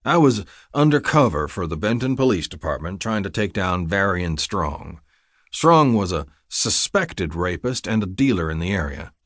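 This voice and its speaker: Audiobook reader, male, lowish voice, dry close mic, steady gritty first-person storytelling. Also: moderate pace, dry recording. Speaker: audiobook narrator. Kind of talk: scripted first-person narration.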